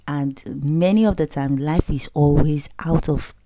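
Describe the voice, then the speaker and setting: Mellow-voiced Nigerian woman, earnest talk. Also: low voice, measured pace, no echo. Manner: earnest, conversational, slipping between Pidgin and English. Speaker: podcast host. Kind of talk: faith-based motivational talk.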